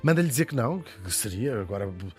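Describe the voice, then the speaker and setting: A man with a European Portuguese accent, telling a history story as a podcast host in casual, lively chat with jokey asides. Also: medium pitch, fast.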